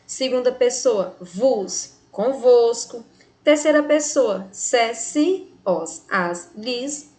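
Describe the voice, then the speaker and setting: A Brazilian woman teaching a recorded grammar lesson, speaking slowly and clearly and stretching the example words to stress them. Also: a little high. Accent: Brazilian Portuguese.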